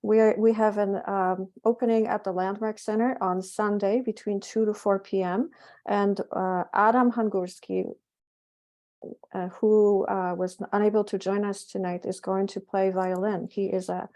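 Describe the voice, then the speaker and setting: Mellow-voiced Polish-accented woman presenter. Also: medium pitch, little pitch movement. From Poland. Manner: halting, with frequent self-corrections and fillers. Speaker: presenter, physician and project curator. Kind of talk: public lecture presentation.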